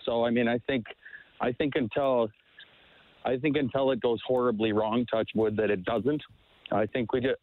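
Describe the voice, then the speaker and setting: A man calling in to a sports talk show over the phone, speaking haltingly with many fillers and restarts. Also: mid-range voice, steady tone, no echo. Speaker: caller. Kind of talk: sports call-in chat. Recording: dry tinny phone line.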